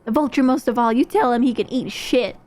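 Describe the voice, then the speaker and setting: A defiant captive boy, read by a woman streamer yells back at his captors in a loud, high voice. Faint game music sits under it. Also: brisk, lightly acted. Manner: shouting, defiant. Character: defiant captive boy, foul-mouthed and angry.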